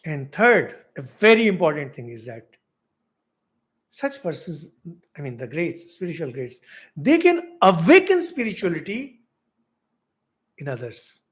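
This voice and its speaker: A middle-aged Indian man with an Indian English accent, a monk giving a spiritual lecture, asking rhetorical questions with big swings in loudness. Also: fairly high pitch, very animated, a little slow, pauses often. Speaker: monk teaching spiritual philosophy.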